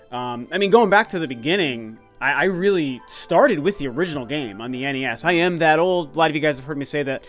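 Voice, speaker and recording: Eager and casual, a video game channel host in his late thirties rambles through vlog talk with fillers and restarts. He speaks in a slightly high, somewhat bright voice.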